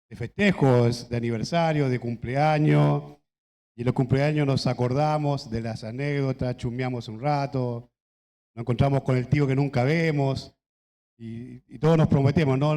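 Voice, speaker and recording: A man's voice: medium pitch, warm tone, big-room sound. A middle-aged man from Chile, a pastor telling personal anecdotes in a conversational anniversary sermon. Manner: conversational storytelling with laughs and asides. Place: church hall.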